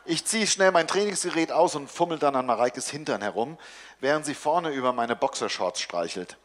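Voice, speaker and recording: Male author, 40s, deadpan live comic reading, slightly high voice. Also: normal speed. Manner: dry, deadpan first-person narration riding audience laughs. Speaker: author reading his novel.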